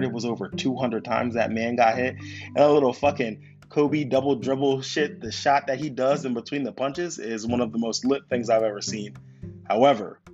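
A man giving a casual, profane rant about a fight, swearing constantly and firing questions at his viewers. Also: medium pitch. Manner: swears constantly, animated, asks the audience questions. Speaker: commentator on fights. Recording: dull lo-fi sound with loud guitar music.

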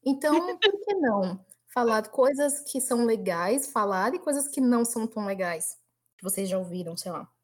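A young woman, blunt and expressive in a casual chat with friends. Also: fairly high pitch, normal speed.

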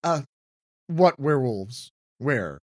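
A man voicing a terrified, clingy young boy who shrieks in high bursts. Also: sing-song, takes it slowly, a little mellow, dry recording, clean studio sound. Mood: nervous.

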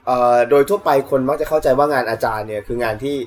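A man's voice: medium pitch, fast. A man who teaches at a university, a returning podcast guest who talks modestly about himself. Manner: modest, self-deprecating. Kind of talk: casual chat.

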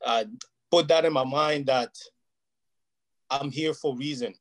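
In this casual interview, a male guest whose native language is Portuguese speaks a little slowly in a mid-range voice. He goes on earnestly and at length, frequently checking "you know what I mean".

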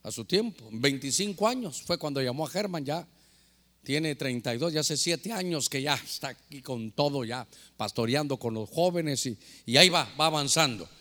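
A man preaching as a pastor, swinging between loud fervor and hushed storytelling. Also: a little high, animated, moderate pace. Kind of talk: sermon. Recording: long hall reverb.

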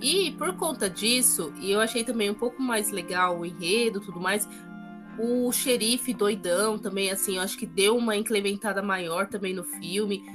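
A woman co-hosting a casual movie review podcast, talking in a chatty, drawn-out way with fillers. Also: mid-range voice, music in the background. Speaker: podcast co-host.

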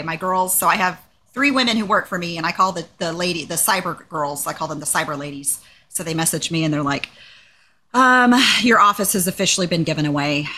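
A woman in her forties co-hosting a podcast, telling work stories in a casual, animated way. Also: a little hiss or hum. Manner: animated storyteller, jumps up in pitch for quoted voices. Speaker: podcast co-host. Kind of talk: casual chat.

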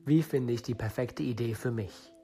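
A man's voice: medium pitch, normal speed, dark tone, husky, faint music behind. A man in his late twenties from northern Germany, hosting a solo podcast and giving listeners direct career and startup advice. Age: 20s. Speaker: podcast host.

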